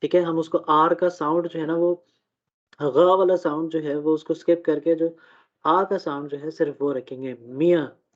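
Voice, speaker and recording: A man teaching a live online German class, who talks slowly, checks in often and uses many fillers. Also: a little high, level tone. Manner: slow, repeats "theek hai" often, fillers. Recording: dull lo-fi audio.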